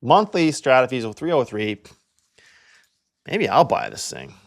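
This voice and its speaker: His pitch sits in the medium range but swoops wildly, and he never rushes. He's a young Canadian real estate agent and video host giving a laid-back walkthrough, talkative and packed with filler words like "like."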